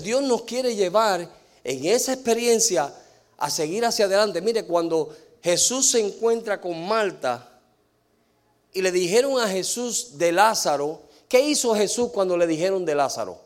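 A man with a notably high voice preaches a sermon. He keeps putting questions to his listeners and answering them himself, dropping in English fillers and drawing out the words he wants to land. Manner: asks the congregation rhetorical questions and answers them; slows and stresses key words.

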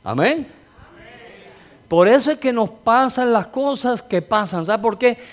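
A man's voice: extremely high pitch, lively intonation, measured pace. A man preaching a sermon as a pastor, telling a testimony with rising fervor.

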